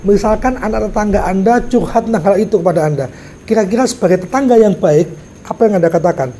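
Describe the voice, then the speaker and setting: A man's voice: high-pitched, fast, a little hiss or hum. A man giving a motivational business lecture, asking his audience rhetorical questions. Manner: acts out little dialogues in a softer voice. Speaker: business mentor.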